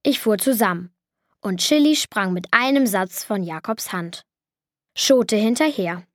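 A woman reading a children's audiobook aloud in an expressive, lively manner. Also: mid-range voice, measured pace, dry recording, clean studio sound. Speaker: audiobook reader.

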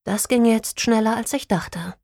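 A woman's voice: fairly high pitch, unhurried, a little mellow, dry recording, clean studio sound. Give me a woman playing a wry, easygoing young woman detective in an audiobook. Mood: casual. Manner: casual, lightly teasing.

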